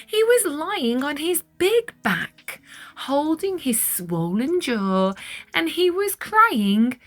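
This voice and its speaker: A woman with a high voice reads a children's picture book aloud. She tells the story expressively and deliberately, leaning dramatically on key words.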